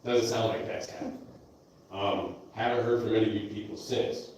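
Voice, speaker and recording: A man who is a fire captain giving a blunt, halting public comment at a council meeting, with many fillers. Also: fairly low pitch, steady tone, darkish tone. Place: council chamber. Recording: very echoey hall from far off, faint noise.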